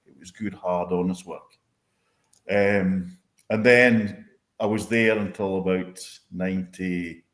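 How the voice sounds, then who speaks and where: A man's voice: low-pitched, steady tone, slow pace, fairly bright tone. A man in his fifties from north-east Scotland with a Doric accent, chatting casually and ramblingly about the past as an interview guest, using local dialect words. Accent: Doric north-east Scottish. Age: 50s. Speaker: interview guest, whisky industry veteran. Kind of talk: casual chat, reminiscing. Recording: roomy, echoing sound.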